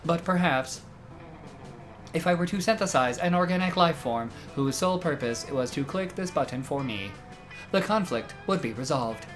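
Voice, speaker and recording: A man voicing a pedantic, literal-minded robot student with formal, deadpan delivery in a tabletop game. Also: a little high, moderate pace, soft background music. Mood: stilted pedantry. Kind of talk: in-character tabletop game role-play.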